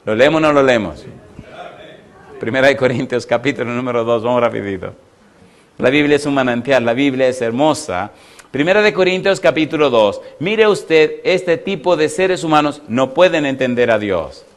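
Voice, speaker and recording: A male pastor preaching a sermon who keeps asking the congregation yes-or-no questions and slows down to read scripture aloud. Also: mid-range voice, lively intonation. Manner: call-and-response questions to the congregation; emphatic, rising on repeated phrases.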